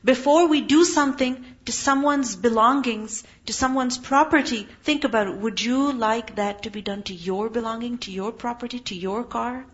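A woman's voice: on the high side, normal speed, hardly any pauses, muffled recording. A woman giving an earnest religious lesson, often asking her listeners questions. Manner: earnest, asks the audience questions. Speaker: Islamic teacher. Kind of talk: Quran lesson talk.

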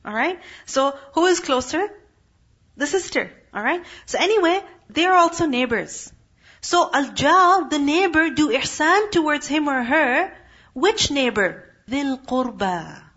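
A woman with a high voice teaches a Quran lesson to a class. She keeps asking her students questions and then answers them herself. The recording sounds dull and lo-fi. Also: expressive, a little slow, fairly bright tone.

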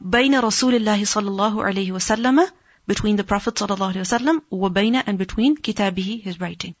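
Woman teaching hadith, husky and dry. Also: mid-range voice, no echo. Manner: reads Arabic quickly, then translates phrase by phrase. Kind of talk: religious lesson explaining hadith. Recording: dull, slightly lo-fi dry recording.

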